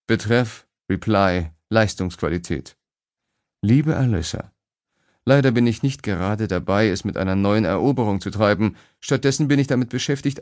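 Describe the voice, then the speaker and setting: Low, dry male audiobook narrator. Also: a little mellow, no room sound. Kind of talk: first-person romance audiobook narration. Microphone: close studio mic.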